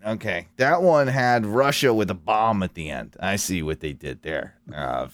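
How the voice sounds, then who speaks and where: A man's voice: lowish voice, animated, unhurried, no echo. A man hosting a casual chat, rambling and thinking aloud as he searches, with casual swearing.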